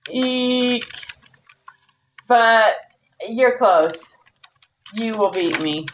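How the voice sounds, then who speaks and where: A woman commentating her own live game stream in a bubbly, excitable way, squealing when she wins. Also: fairly high pitch, very slow, a little hiss or hum.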